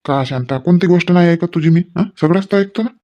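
A man's voice: sits high, fast, mellow, highs cut off. A man playing a village husband in a comic sketch, coaxing and placating his wife. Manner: coaxing, placating, rustic banter.

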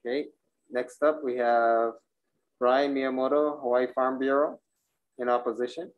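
This committee chair, a man in his forties, runs a public hearing from a stand-mounted desk mic in a hearing room, reading rules and calling up testifiers. He talks a little slowly in a medium pitch with little pitch movement, adding informal asides and tripping on names. The audio is dull, with a little hiss or hum.

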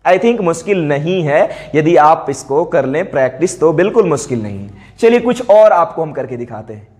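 A man teaching English phonemic transcription at a board. He keeps asking his pupils questions and repeats each word slowly. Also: on the high side, darkish tone. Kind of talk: classroom board lesson.

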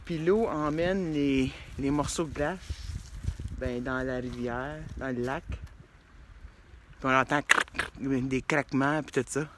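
A woman's voice: very deep voice, slow, background noise. A middle-aged woman with a Quebec French accent, chatting casually to her phone while hiking a snowy trail outdoors. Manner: chatty, rambling, laughs often. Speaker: hiking vlogger. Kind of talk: casual vlog chat. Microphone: phone at arm's length.

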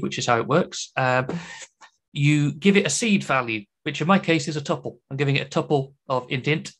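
A man's voice: mid-range voice, fairly bright tone. British man, conference speaker, chatty, enthusiastic, jokey asides, mid-range voice. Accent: British English. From Britain. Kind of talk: technical conference talk.

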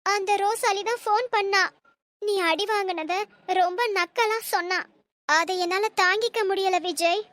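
A woman's voice: extremely high pitch, a little slow, fairly bright tone, no room sound. A woman voicing a stern, possessive middle-aged mother in a storybook drama, scolding and coddling her son. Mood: soothing. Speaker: mother of the young man.

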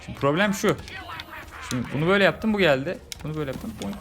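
A man with a fairly high, fairly bright voice races through his words with lively intonation, faint music behind him. He's a gaming YouTuber giving casual let's-play commentary, frustrated, joking, and repeating his grumbles about the game.

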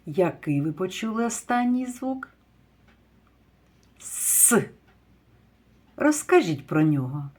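Slow, husky woman teaching phonics. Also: medium pitch, sing-song, darkish tone. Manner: slow, drawn-out word sounding with praise and questions. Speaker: kindergarten teacher. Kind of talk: phonics lesson for young children.

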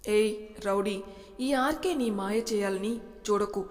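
A woman's voice: mid-range voice, slow pace, a little mellow, soft background music, close to an everyday voice. A woman voicing a possessive young husband who talks in blunt commands and threats. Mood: stern. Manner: commanding, menacing. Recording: long reverb.

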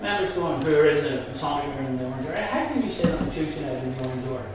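Belfast man, emphatic guide, slightly higher voice, echoey far-off recording. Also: animated, rapid-fire. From Northern Ireland. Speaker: Freemason guide. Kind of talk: casual explanatory chat. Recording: echoey hall from far off, with background noise.

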